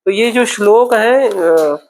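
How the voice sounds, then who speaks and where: A man leads a classroom grammar lesson, repeating each word carefully and often checking that his students follow. His voice sits high for a man, and he speaks at a slow, unhurried pace. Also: a little mellow. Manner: patient, repeats words slowly, asks "okay?" often. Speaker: Sanskrit teacher. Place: classroom at a temple centre.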